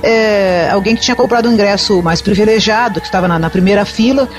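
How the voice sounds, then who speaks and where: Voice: mid-range voice, quick pace, music in the background. A podcast host telling a story in casual chat, often paraphrasing what was said. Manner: storytelling, retelling events with quoted lines.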